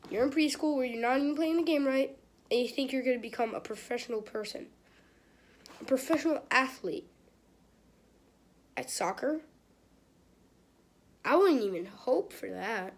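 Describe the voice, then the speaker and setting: In a high-sitting voice, a woman stumbles casually through a children's book as an amateur reader, adding chatty asides, going a little slow and pausing often. The home recording is clearly noisy and has clicks.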